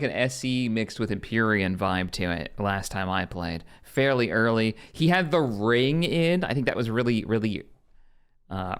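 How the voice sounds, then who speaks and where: A man's voice: fairly low pitch, fairly bright tone, clear, resonant tone. A man streaming a game live, chatting casually, reading on-screen prompts aloud and answering his chat. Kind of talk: casual live gameplay commentary.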